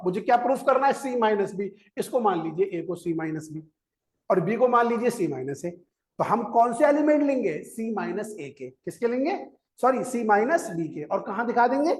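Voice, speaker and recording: A male maths teacher giving a classroom lecture, coaxing his students, quizzing them and repeating each step. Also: high voice. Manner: keeps quizzing students and repeating key steps; coaxing, urges students to listen before writing.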